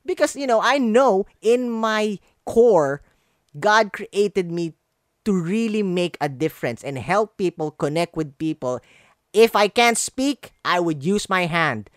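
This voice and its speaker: On an online video call, a branding coach from the Philippines, a non-native English speaker with a Filipino accent, gives earnest motivational talk as a guest. His high voice is lively and unhurried, and he repeats phrases to drive points home. The recording is clean, with no echo.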